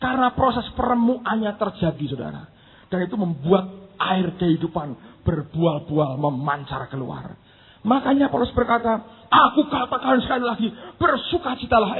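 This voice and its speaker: A man preaching a sermon as pastor, impassioned and often breaking into shouts. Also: high-pitched, gravelly, breathy edge. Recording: tinny phone-like sound, long hall reverb.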